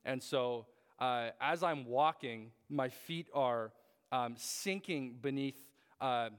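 A man's voice: mid-range voice, slow pace, smooth. A young man preaching a sermon, telling a story with frequent fillers and restarts. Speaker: pastor. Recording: long hall reverb.

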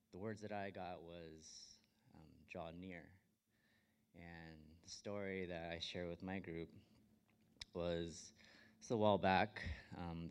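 A father telling a personal story in a church service, soft and hesitant with many ums and likes. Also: low voice, clear, resonant tone.

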